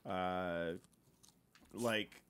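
A man's voice: sits low, fairly even intonation, very slow, a bit bright, smooth. A young man on a podcast, telling a rambling story in casual chat with many fillers and restarts. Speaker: podcast co-host.

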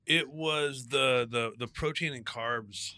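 A man's voice: medium pitch, slow pace, bright, forceful tone, no echo. A man chatting casually as a producer and co-host on a radio show. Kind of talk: casual chat.

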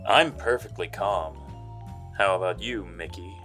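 An actor playing a world-weary, sardonic hardboiled private eye in a noir audio drama. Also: male voice, deep voice, measured pace, pushed and bright, faint music behind.

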